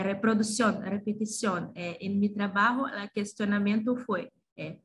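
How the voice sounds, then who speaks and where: A woman's voice: mid-range voice, a bit bright. A woman with a Brazilian accent and Portuguese as her native language gives an informal academic talk, hesitantly searching for words. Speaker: gastronomy teacher presenting her research. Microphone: computer on a video call. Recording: video call with clear background noise.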